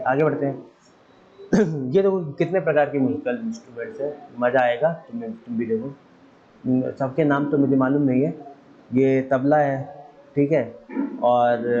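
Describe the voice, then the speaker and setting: A man's voice: mid-range voice, dark tone, dull audio. A man teaching a casual science lesson, chatting loosely, admitting what he forgets and mimicking the sounds of instruments.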